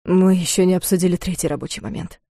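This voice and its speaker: A woman voicing a calm, self-possessed man, a devoted fiancé, speaking quietly, low and unhurried. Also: vocal fry, no echo, clean studio sound.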